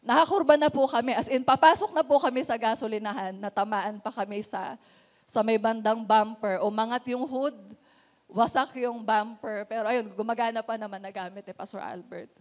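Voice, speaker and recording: A woman's voice: fairly high pitch, normal speed, a little mellow. Filipino woman pastor preaching in a reverberant hall. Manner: mixes English and Tagalog, emotional storytelling. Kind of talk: sermon with personal story. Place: church hall. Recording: long church hall reverb.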